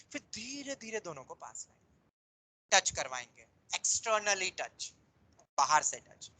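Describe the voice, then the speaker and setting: A male maths teacher lectures a class with a bright, forceful voice. He explains patiently, slipping English terms into Hindi and calling his students "beta". He speaks in a classroom with students present. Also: high voice, rough recording.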